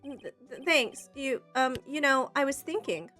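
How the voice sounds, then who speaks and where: An earnest, naive young man in college , as a woman voices him while reading a game aloud. He talks eagerly with little hesitant stammers, in a high, bright voice. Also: lively intonation, normal speed, faint music behind.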